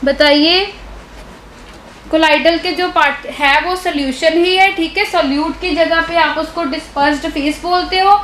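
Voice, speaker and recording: A woman teaches science with a Hindi accent in a live online doubt-clearing class, speaking a little slowly in an extremely high, steady, somewhat bright voice. She explains and frequently checks understanding by asking the class rhetorical questions. The low-quality recording is roomy, with a little hiss or hum.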